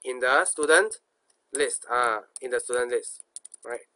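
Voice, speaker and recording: In a sharp-toned, mid-range voice and at a measured pace, a programming instructor with a Singaporean accent works through an informal coding tutorial. He reasons aloud colloquially, quizzing himself and repeating phrases, and there's no room sound.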